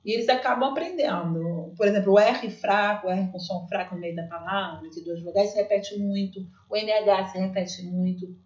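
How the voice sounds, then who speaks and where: A woman's voice: medium pitch, moderate pace, few pauses, a little mellow, roomy sound, lo-fi sound. A woman teacher with a Brazilian Portuguese accent, explaining her classroom literacy work in a chatty way, full of fillers and restarts. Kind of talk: explaining classroom practice to viewers.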